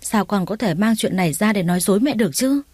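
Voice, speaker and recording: A woman voicing an anxious, quick-tempered young husband who speaks in urgent outbursts. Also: mid-range voice, lively intonation, a little mellow, no echo, close to an everyday voice. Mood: agitated.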